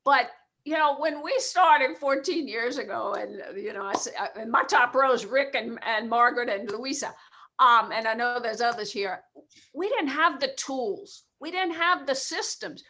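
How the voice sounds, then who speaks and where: A veteran woman coach speaking on a group video call, halting and repeating herself as she speaks from the heart. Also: a little high, bright, forceful tone. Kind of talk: casual sharing on a video call.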